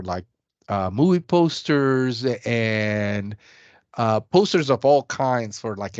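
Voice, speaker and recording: A man's voice: medium pitch, clear, resonant tone, no room sound, muffled recording. A man co-hosting a casual video chat, talking enthusiastically and rambling with restarts. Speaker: co-host, comics sales.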